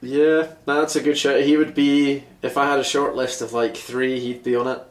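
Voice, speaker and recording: A man's voice: medium pitch, level tone, normal speed. A man co-hosting a podcast, chatting casually about sport. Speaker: podcast co-host. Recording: echoey room, distant mic.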